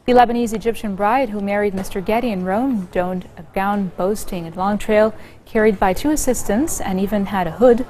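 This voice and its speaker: A woman news anchor reading scripted bulletins in a steady, measured way. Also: medium pitch, slight background noise.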